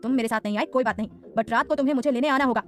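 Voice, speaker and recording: A woman's voice: high voice, animated, rapid-fire, soft background music, pitched above the performer's own voice. A woman voicing a bold young bride who talks in a stern, commanding way in an audio story. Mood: defiant. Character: fierce bold young bride, defiant and sharp.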